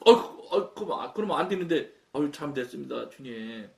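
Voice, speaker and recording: A Chungcheong pastor with a Chungcheong Korean accent preaches a sermon, telling his story and acting out the dialogue. His male voice sits on the high side, fast, gravelly and a little mellow, with lively intonation. The room is echoey and the mic is at a distance.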